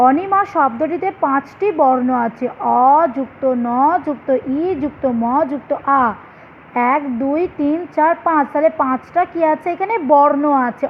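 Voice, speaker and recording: A woman with a Bengali accent teaches a primary school class in a high voice. She explains patiently and turns each point into a question for her students. The recording is dull and lo-fi, with a faint hiss behind her. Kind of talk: online class lesson.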